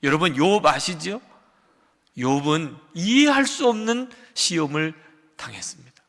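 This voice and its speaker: An older man preaching a sermon as pastor, moving between loud emphatic peaks and quiet low asides. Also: big pitch swings, unhurried. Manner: acts out a shouting quarrel in quotes. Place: large church sanctuary. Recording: long hall reverb of a church sanctuary.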